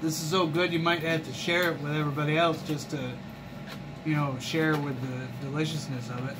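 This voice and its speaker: A man reviewing fast food in a casual vlog, talking with his mouth full and pausing between short phrases. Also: on the high side, flat delivery. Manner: chatty, unhurried, trailing pauses between short phrases. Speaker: food vlogger. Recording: noisy room with air conditioning hum.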